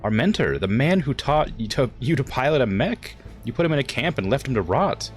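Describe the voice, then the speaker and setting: A man's voice: medium pitch, very animated, fairly quick, soft background music, voice pushed up, natural voice. A man voicing a wounded but resolute noblewoman leader in a video game, speaking formally and earnestly. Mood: hurt, accusing. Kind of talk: reading game dialogue aloud.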